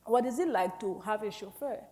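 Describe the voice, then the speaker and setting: A woman in her early forties from Cameroon, an author speaking thoughtfully on stage, often pausing with "you know". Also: medium pitch, a crowd in the background. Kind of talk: onstage conversation. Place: public library event hall.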